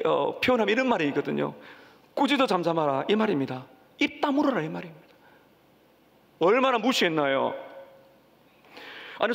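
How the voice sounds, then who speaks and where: A male pastor preaching a sermon with passion, rising to loud cries as he voices the pleas, recorded in a church sanctuary. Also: sits high, gravelly. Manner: impassioned, rising to cries when voicing pleas. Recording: church hall reverb.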